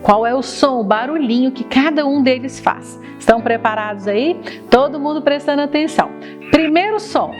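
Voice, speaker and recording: A high-pitched Brazilian woman leads a children's storytime over background music. She talks as if reading to a toddler, in sing-song phrases with little questions and diminutives. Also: normal speed. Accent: Brazilian Portuguese. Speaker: children's Bible story teacher.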